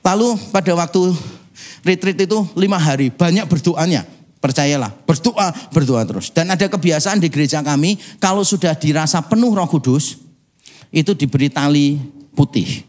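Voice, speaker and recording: A male pastor from Indonesia delivers a lively sermon in a noticeably high voice. He tells stories with humor and imitates other people as he goes. He preaches from a church. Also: normal speed. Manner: animated storytelling with humor and mimicry.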